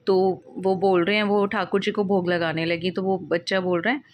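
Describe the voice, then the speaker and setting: A woman's voice: fairly low pitch, little pitch movement, normal speed, slight background noise. A woman casually telling a personal devotional experience in a meandering way, often restarting and correcting herself.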